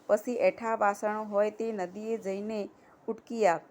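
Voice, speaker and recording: A woman's voice: mid-range voice, little pitch movement, unhurried, darkish tone, a little hiss or hum, lightly acted. A woman voicing a harsh, scolding village mother-in-law who taunts and orders others about. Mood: taunting. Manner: taunting, bossy.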